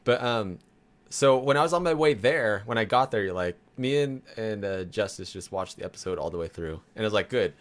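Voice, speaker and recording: A man's voice: fairly low pitch, animated, a little fast. A man co-hosting a podcast in casual chat, explaining things with small laughs. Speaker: podcast co-host.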